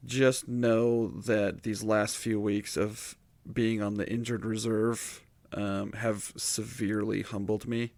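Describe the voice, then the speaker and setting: Man, slow talker, gravelly voice, dry close sound, casual podcast chat. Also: on the low side, level tone, darkish tone, dry recording. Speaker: podcast co-host.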